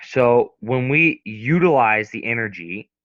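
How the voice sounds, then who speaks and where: A man's voice: medium pitch, animated, a little slow, fairly bright tone, dry recording. A young man tutoring a physics lesson in a casual, hesitant way, rambling with many restarts and fillers. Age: young adult. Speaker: student tutor. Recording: dull, lo-fi sound.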